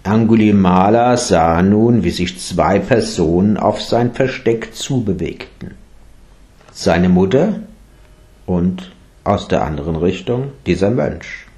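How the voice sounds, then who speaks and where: A man narrating a story in a calm, measured way. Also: low-pitched.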